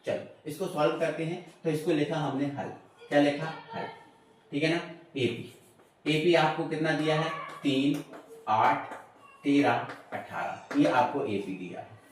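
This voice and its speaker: A man's voice: fairly high pitch, a little slow, recorded from a distance, a little hiss or hum. Man teaching maths in a very echoey room. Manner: repeats prompts like "है ना" and "ठीक है" to check understanding; asks questions aloud and answers them himself. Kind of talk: chalkboard maths lesson.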